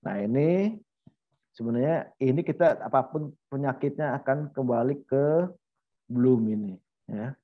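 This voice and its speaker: A man's voice: mid-range voice, a little slow. Man, middle-aged, medical lecturer, chatty anecdotal teaching, slightly dull lo-fi sound. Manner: conversational, uses anecdotes and rhetorical questions. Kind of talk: informal university lecture.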